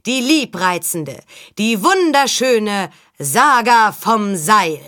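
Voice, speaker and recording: A woman's voice: mid-range voice, expressive, slow pace, fairly bright tone, voice pushed up. A woman voicing a boisterous middle-aged male showman with grand, sweeping declamation. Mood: boastful.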